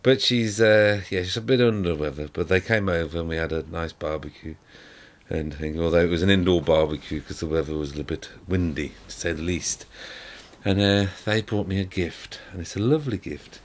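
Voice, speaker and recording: Sitting on his sofa at home, a deep-voiced, middle-aged English vlogger talks briskly to a camera framed tightly in front of him. He rambles chattily, often using filler words and starting sentences over.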